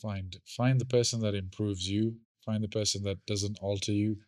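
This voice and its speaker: A man's voice: fairly low pitch, level tone, normal speed, darkish tone. A man hosting a podcast, earnest, often repeating words as he starts a thought. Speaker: podcast host. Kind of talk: casual podcast chat.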